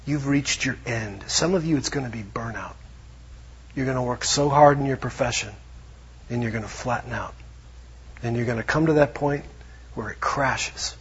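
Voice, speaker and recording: Husky-voiced man preaching, lo-fi recording. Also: medium pitch, normal speed, pauses often. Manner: conversational, drops to hushed tones for emphasis. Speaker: pastor. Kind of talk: sermon.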